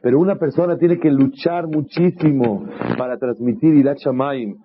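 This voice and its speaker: A man, a rabbi, giving a sermon in an animated storytelling way, asking rhetorical questions and acting out the voices in his stories. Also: mid-range voice, normal speed, a little hiss or hum. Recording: dull lo-fi recording.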